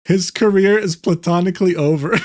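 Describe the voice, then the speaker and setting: Man, somewhat high voice, brash profane stream commentary, dry close mic. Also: normal speed, a little mellow, no echo. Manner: brash, profane, laughing at clips.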